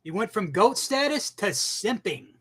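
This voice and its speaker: A man giving a casual, profane rant as an anime commentator, animated and bursting into shouts. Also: high-pitched, a little slow, slightly rough.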